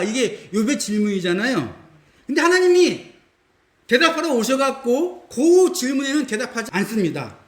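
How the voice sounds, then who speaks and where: A man teaching a Bible study in an animated, emphatic lecture, talking straight to his listeners. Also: high-pitched, roomy sound. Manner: emphatic, dramatizes quotes, addresses audience directly.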